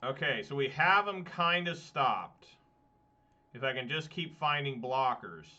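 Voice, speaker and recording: A man's voice: medium pitch, expressive, measured pace, sharp tone, lo-fi sound. A man thinking aloud in a casual, muttering way while he plays an online card game, with exasperated asides. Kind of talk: thinking aloud over gameplay.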